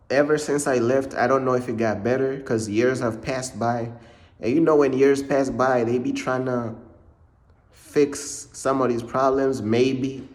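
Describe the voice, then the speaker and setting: Slow-talking slangy young man from Uganda. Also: medium pitch. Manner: slangy, rambling, repeats "bruh" and "bro". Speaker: faith vlogger. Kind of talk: casual storytime vlog.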